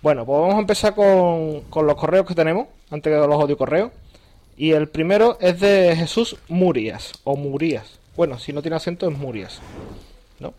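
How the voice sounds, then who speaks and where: A man's voice: on the high side, moderate pace, warm tone. A man co-hosting a casual podcast, reading listener emails aloud in a chatty way. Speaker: podcast co-host.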